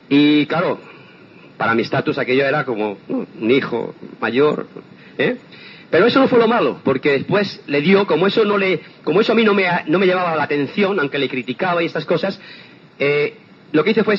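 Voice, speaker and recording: An older man from Spain speaking earnestly to an audience, giving a personal testimonial with rhetorical questions. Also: on the high side. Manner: earnest, addresses listeners directly with rhetorical questions. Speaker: motivational speaker. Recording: dull lo-fi sound with faint noise.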